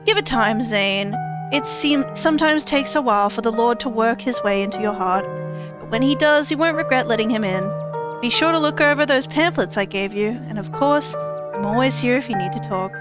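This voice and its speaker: A smarmy small-town pastor who never drops his oily courtesy, read by a woman. The delivery is pitched fairly high. Soft music hums underneath. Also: lively intonation, moderate pace, lightly acted. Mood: coaxing. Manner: oily, overly polite, ingratiating.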